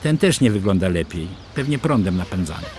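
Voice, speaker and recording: A man's voice: low voice, sing-song, a little fast, darkish tone, slight background noise. A man voicing a cheeky, skeptical young boy who talks in a dismissive, mocking tone. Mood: scoffing.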